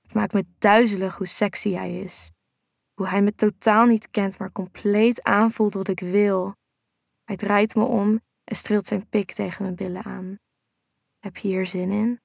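A woman tells a first-person erotic audio story in a soft, hushed, intimate voice. She has a gravelly edge and keeps a narrow, even pitch. The recording is close and dry. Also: a little slow, dry recording.

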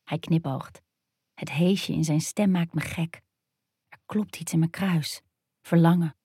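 A woman narrating a first-person erotic story in an intimate, hushed and dreamy way. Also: low-pitched, steady tone, measured pace, slightly rough, no room sound, clean studio sound.

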